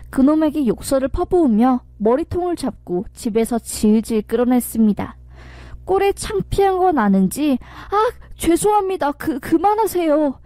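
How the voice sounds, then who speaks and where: A woman's voice: fairly high pitch, mellow, dry recording. A woman reading a dramatic first-person story aloud and acting out the quoted lines, with faint music behind her.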